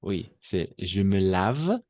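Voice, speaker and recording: A man teaching a language class in an unhurried, methodical way. His voice sits very low, and he repeats words and asks whether everyone follows. The sound is dry and close. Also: very animated, a little mellow, no room sound. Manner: patient, repeats each phrase, often checks understanding. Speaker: French teacher. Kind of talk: bilingual language lesson.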